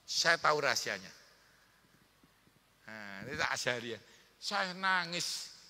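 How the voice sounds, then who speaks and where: A man's voice: medium pitch, sing-song, measured pace, sharp tone, big-room sound. A male pastor with an East Javanese accent, preaching a sermon in a joking, teasing way and calling for amens. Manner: joking, teasing the congregation, calls for amen.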